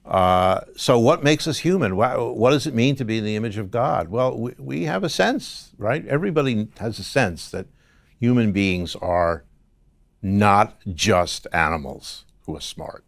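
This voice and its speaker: A middle-aged man interviewed as a guest, telling his story in a halting conversational way with many restarts. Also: fairly low pitch, lively intonation, vocal fry, no room sound. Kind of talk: conversational testimony.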